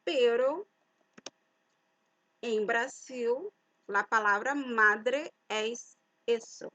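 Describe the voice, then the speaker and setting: A woman with a fairly high voice teaches a lesson for Spanish speakers, going through every word slowly and deliberately in Portuguese laced with Spanish and loudly stressing key terms. The sound is lo-fi, with no echo.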